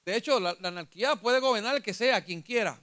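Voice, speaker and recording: A pastor with a Puerto Rican Spanish accent preaches a sermon, putting questions to his congregation and rising in intensity as he retells scripture. His voice is high-pitched, brisk, and a bit bright.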